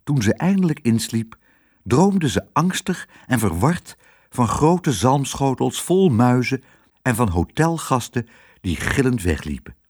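A man narrating a children's story aloud in an expressive, animated reading style. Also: mid-range voice, unhurried, slightly rough, no room sound, clean studio sound.

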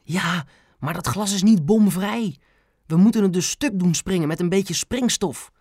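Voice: mid-range voice, unhurried, darkish tone, dry recording, clean studio sound, pitched above the performer's own voice. A narrator voicing an eager, scheming young boy laying out a plan, in an audiobook reading. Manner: eager, conspiratorial.

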